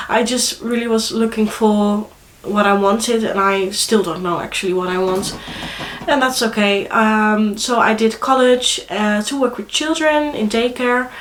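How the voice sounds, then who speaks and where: A congested young vlogger from the Netherlands chats to camera in Dutch-accented speech, hesitating often with fillers and restarts. She keeps a mid-range, steady and unhurried voice. The low-quality recording sounds roomy, with slight background noise.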